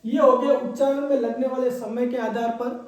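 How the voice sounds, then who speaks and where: A man's voice: very high voice, fairly even intonation, moderate pace. A man teaching Hindi grammar as a classroom lecture, repeating key points and checking in with his students. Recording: echoey room, mic far off.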